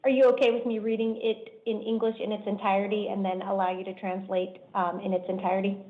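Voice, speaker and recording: A woman judge speaking in a measured, formal, deliberate way from the bench, heard on a courtroom recording. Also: medium pitch, little pitch movement. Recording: dull lo-fi courtroom stream.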